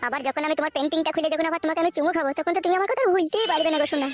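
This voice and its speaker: A woman's voice: high voice, racing, pitched below the performer's own voice, close to an everyday voice. A woman voicing a sweet-talking, lewd young man from a village in a cartoon, wooing in a syrupy, flowery way. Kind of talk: cartoon voice acting.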